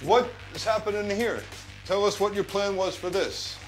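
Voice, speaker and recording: A man's voice: high voice, normal speed. A man co-hosting as the expert, grilling a contractor in a blunt, confrontational way. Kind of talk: heated confrontation. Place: house under renovation, indoors. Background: background music.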